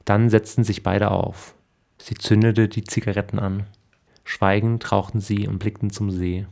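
A man reading a story aloud in calm, even scripted narration. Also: fairly low pitch, a little slow, gravelly. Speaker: reader.

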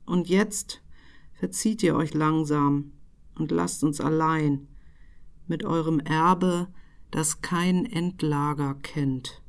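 Slow, gravelly woman reciting poetry. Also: low voice, steady tone. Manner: deliberate, rhythmic delivery with sudden loud bursts and whispered phrases.

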